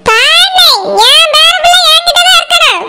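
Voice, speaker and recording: A quarrelsome old village mother-in-law scolds in a very high, bright, cutting cartoon voice, voiced by a woman. She speaks with a Tirunelveli Tamil accent. She nags and complains without letting up. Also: moderate pace, full character voice. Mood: demanding. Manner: shrill and scolding. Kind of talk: cartoon voice acting.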